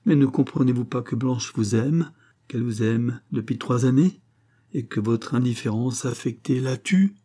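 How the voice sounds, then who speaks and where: A man's voice: medium pitch, moderate pace, dark tone, lightly acted. A man voicing a grieving noble mother, a marquise, who pleads with emotion, rising to cries. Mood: pleading.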